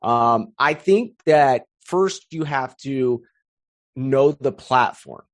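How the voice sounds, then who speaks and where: A man's voice: medium pitch, takes it slowly, dry recording. Man telling stories in a dry, close sound. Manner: storytelling, energetic, frequent restarts. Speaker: podcast guest, content strategist. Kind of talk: casual interview chat.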